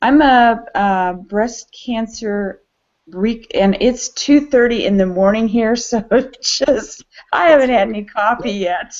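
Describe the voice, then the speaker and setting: A woman's voice: on the high side, unhurried, a little mellow. A woman with an American accent introducing herself casually as an advocate. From United States, Arizona. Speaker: patient advocate and blogger. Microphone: video call. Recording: dull lo-fi video call audio.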